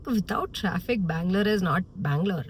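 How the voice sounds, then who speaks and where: A woman's voice: fairly low pitch, expressive, drawn-out words. A woman with a Malayali accent giving casual, unscripted vlog chat, switching between English and Malayalam. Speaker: vlogger. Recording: faint vehicle and street noise.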